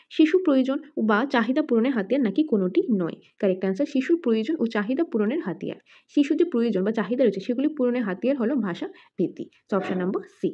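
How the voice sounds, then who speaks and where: A woman's voice: fairly high pitch, dark tone, highs cut off. A woman teacher runs through exam questions, reading out the options, then restating each answer and mixing in English words. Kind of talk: quiz-style exam lesson.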